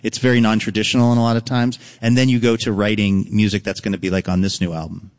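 A man's voice: on the low side, little pitch movement, fast talker, a little mellow. A chatty man hosting a live interview onstage, asking long, rambling questions. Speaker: radio show host. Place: theater stage before an audience. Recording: live theater with long reverb.

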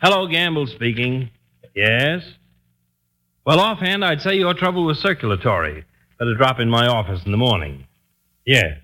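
An actor playing a fussy, acerbic, grandiloquent doctor in old-time radio comedy, wisecracking with mock indignation. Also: male voice, mid-range voice, sing-song, normal speed, long pauses, pushed and bright. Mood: brisk, professional. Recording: noisy vintage radio broadcast recording.

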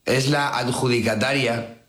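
A man chatting casually in a studio, deadpan and rambling, often restarting his sentences. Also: medium pitch, a little slow. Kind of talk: casual comedic chat. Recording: roomy echo.

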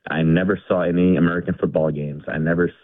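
Low-voiced caller on a tinny phone line. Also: male voice, fairly even intonation, fast, dry recording. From India. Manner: rambling, many fillers and restarts. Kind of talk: casual call-in chat. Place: home garage.

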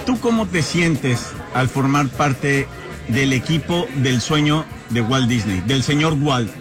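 A man's voice: medium pitch, animated, slow, over music. A man with a Mexican accent hosting a live radio interview, enthusiastic and effusive. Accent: Mexican Spanish. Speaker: radio host.

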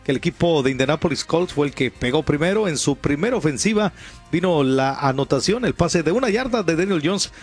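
A man hosts a live American football broadcast on radio. His voice sits a little high for a man. Music plays underneath as he commentates. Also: expressive, fairly quick, breathy edge. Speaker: sports radio host and play-by-play announcer.

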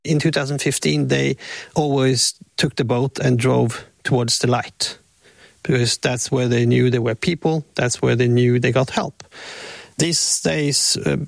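A male aid volunteer answering interview questions in halting speech with many fillers, not an English speaker. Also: medium pitch, gravelly, no room sound.

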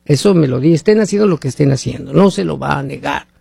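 He talks at a quick pace in a slightly high, creaky, warm voice with a breathy edge. The Mexican-born talk radio host, based in the US, drifts through commentary, sponsor ads and rhetorical questions for listeners, recorded in a clean, echo-free studio.

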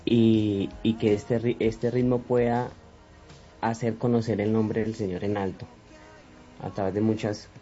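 Earnest young man, low dark voice. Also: little pitch movement, unhurried, faint music behind. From Colombia. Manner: earnest and reflective. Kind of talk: interview answers. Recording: dull lo-fi recording.

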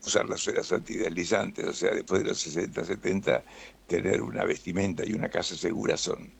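A man's voice: sits low, fairly even intonation, a little fast, vocal fry, husky. A man with a Rioplatense Spanish accent, explaining things relaxedly as a doctor guest in a radio interview and often tagging "¿no?".

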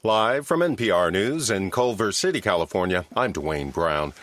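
A man's voice: on the low side, animated, normal speed, fairly bright tone, no room sound. A man with an American accent anchoring a scripted radio newscast. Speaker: news anchor. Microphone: close studio microphone.

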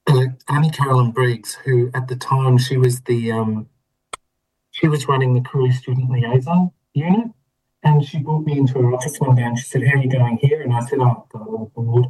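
A man's voice: mid-range voice, fairly even intonation, normal speed, a little mellow, husky, low-quality recording. A middle-aged Australian man, a guest in a casual interview, telling his story reflectively with a laugh now and then. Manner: reflective, laughing, many restarts.

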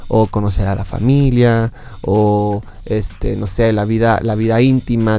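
A Mexican therapist talking as a guest in a casual chat, explaining calmly with examples and fillers. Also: male voice, mid-range voice, clean tone. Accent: Mexican Spanish.

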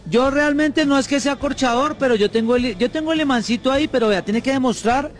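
A man with a Colombian accent hosting a radio show, talking in lively, joking morning banter. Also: very high voice, brisk. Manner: energetic, chatty and joking. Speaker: radio host.

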